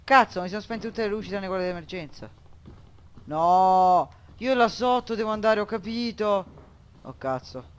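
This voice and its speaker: A young man commentating a horror game, scared and swearing, often breaking into panicked yelling. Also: sits high, expressive, fairly quick, clean tone. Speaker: gameplay commentator.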